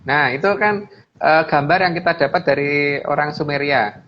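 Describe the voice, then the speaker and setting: Explaining slides as a guest speaker, a man with an Indonesian accent talks informally at a moderate pace, his voice on the high side, hammering home phrases through repetition. The dull lo-fi audio carries background noise.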